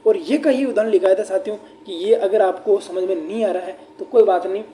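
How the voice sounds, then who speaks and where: A male teacher, talking students through an exam paper, asking rhetorical questions and slowing down to dictate examples. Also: high voice, dark tone, a little hiss or hum. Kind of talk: exam paper answer walkthrough.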